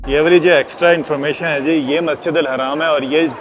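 Music plays behind a man in his thirties whose fairly high voice moves at a quick pace with fairly even intonation. He's narrating a casual food vlog, chatty and enthusiastic, with English phrases mixed in, first at a mall food court and then in a hotel room.

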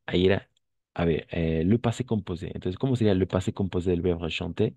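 A man teaching a French lesson in Spanish, patiently repeating and spelling words out slowly. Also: low-pitched, mellow, no room sound. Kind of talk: online language lesson.

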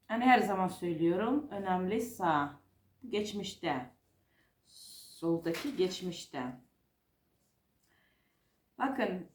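A woman fortune teller giving an informal, unscripted card reading, explaining hesitantly and repeating herself as she goes. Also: a little high. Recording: roomy, echoing home-style recording.

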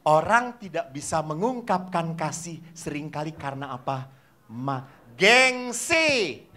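Lively priest preaching. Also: male voice, a little high, normal speed. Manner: animated storyteller acting out voices and asking the audience questions. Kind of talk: lively sermon to a live congregation.

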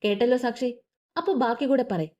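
A woman reading an audio story voices a furious young husband, bitter and demanding, making harsh, clipped threats in a fairly high, lively tone at a fairly quick pace, close to an everyday voice. The sound is mellow and dull, like a lo-fi recording.

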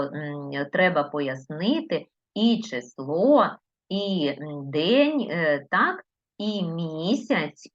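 A woman's voice: low-pitched, a bit bright, dull audio. A woman teacher with a Ukrainian accent, giving a recorded lesson to young children, stretching words and coaxing answers with questions. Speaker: primary school teacher.

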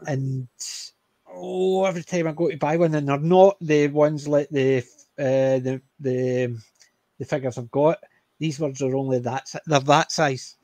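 A man's voice: a little high, fairly even intonation, measured pace, warm tone, no room sound. A man from the UK co-hosting a podcast, chatting eagerly about old TV shows and trailing off mid-thought. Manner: chatty, enthusiastic, trails off and restarts. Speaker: podcast co-host. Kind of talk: casual chat about TV shows.

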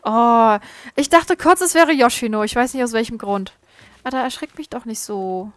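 A woman's voice: on the high side, moderate pace, dry recording. A woman chatting casually through a video game, talking to its characters and giggling often. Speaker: gaming YouTuber. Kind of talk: casual gameplay commentary.

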